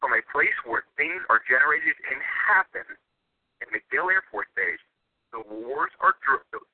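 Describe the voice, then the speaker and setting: A man's voice: on the high side, expressive, normal speed, dry recording. A man giving intense, conspiratorial political commentary as a guest, emphatic and repeating phrases for stress. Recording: narrow tinny telephone line.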